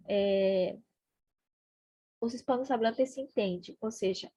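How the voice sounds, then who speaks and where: A woman teaching a Spanish lesson, slow and deliberate, repeating key words. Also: fairly high pitch, darkish tone, breathy edge, dry recording. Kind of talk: online Bible-based language lesson.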